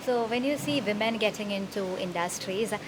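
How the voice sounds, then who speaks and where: A woman's voice: mid-range voice, brisk. A woman interviewing award winners on a red carpet, politely prompting them with short acknowledgements. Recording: noisy crowded event. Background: crowd chatter.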